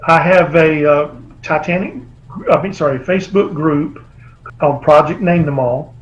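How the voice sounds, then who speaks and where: A man's voice: fairly high pitch, moderate pace, slight background noise. Man telling stories over a muffled call. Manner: anecdotal, rambling storyteller. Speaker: author guest. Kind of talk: remote interview. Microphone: video call.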